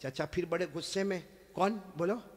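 A man preacher telling a story at a live religious gathering, swinging from hushed narration to shouted exhortation and calling on the crowd to answer. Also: high voice, moderate pace, in a large hall, a little hiss or hum. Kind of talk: dramatic storytelling sermon.

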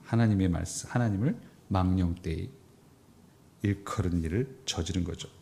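A man's voice: low-pitched, moderate pace, creaky, dark tone. A man preaching a sermon as pastor, in a conversational way that acts out quoted dialogue.

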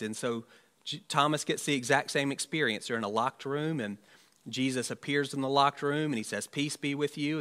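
Bright-voiced man preaching conversationally. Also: medium pitch. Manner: conversational, wry asides, many restarts. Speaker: pastor. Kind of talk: sermon. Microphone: church livestream mic.

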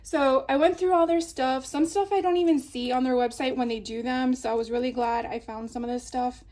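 Fairly quick and a little mellow, this high-voiced Florida woman shows craft supplies at an indoor table in a casual haul show-and-tell. Her intonation is fairly even, and she keeps it chatty with fillers and small laughs.

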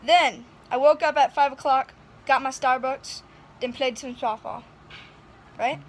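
Filming herself on a phone at arm's length in a hotel room and a car, a young woman chats and giggles through a casual travel vlog. She speaks at a measured pace in a high, steady voice, with a little hiss or hum in the audio.

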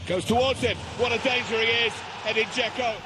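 A man giving excited live goal commentary as a football commentator. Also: very high-pitched, normal speed, very noisy. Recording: distant broadcast under roaring crowd.

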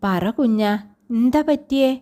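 A woman voicing a gentle worried teacher. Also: on the high side, animated. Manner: soft, coaxing questions, slow. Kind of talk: storybook reading.

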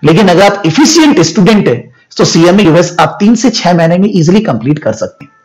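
A man explaining to students, moving between Hindi and English phrases in a steady teaching tone. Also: sits high, brisk. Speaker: education academy founder and teacher.

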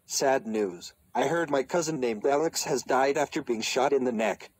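A man voicing a bratty boy in a cartoon who grows into an old man, with a whiny, flat delivery. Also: medium pitch, moderate pace, lightly acted, rough recording. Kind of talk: cartoon voice acting.

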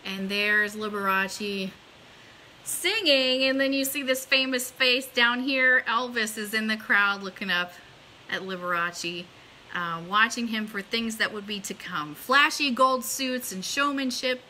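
With an unhurried, slightly high voice, a middle-aged woman hosts an online radio show in an informal, enthusiastic manner, partly reading aloud. The low-quality recording, made in a small home or office room, has a constant background hiss.

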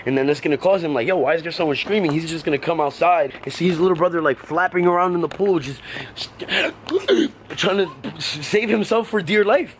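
A man's voice: a little high, normal speed, slight background noise. A young man vlogging casually by a backyard pool, rambling and repeating himself with lots of fillers. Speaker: prank vlogger. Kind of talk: casual vlog talk. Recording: loud music playing over the voice. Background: music.

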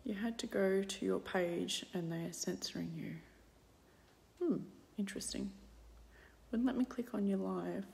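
Australian woman, business coach, frank rambling live-video talk, gravelly fry, long reverb. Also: mid-range voice, measured pace, darkish tone. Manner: frank, rambling, repeats herself, drops to whispers. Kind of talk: casual live video monologue. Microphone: phone held at arm's length.

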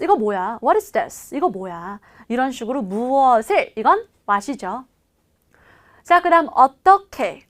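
A woman teaching a language lesson in a lively, coaxing way, repeating phrases for learners to follow. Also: fairly high pitch. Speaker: English teacher. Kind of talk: video lesson.

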